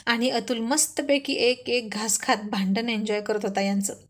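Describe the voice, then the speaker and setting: A woman narrating a serialized story in a steady, even storytelling manner. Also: on the high side, normal speed.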